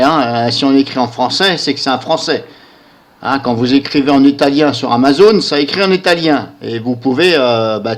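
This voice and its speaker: A man vlogging about product reviews he reads on screen, talking casually and sounding incredulous, with lots of filler tags and rhetorical questions. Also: mid-range voice. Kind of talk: casual commentary over a screen recording.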